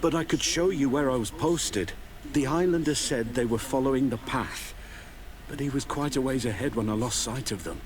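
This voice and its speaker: A guard in a video game, played by an actor, reports to his superiors in an anxious, evasive way, stammering and deferring to them. The voice is mid-range and natural at a moderate pace, with slight background noise.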